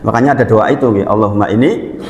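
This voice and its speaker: Javanese-accented male preacher, middle-aged, animated storyteller, long reverb in a hall. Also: fairly low pitch, fast. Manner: lively storytelling, acts out quoted voices, chuckles. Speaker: Islamic preacher. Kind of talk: sermon.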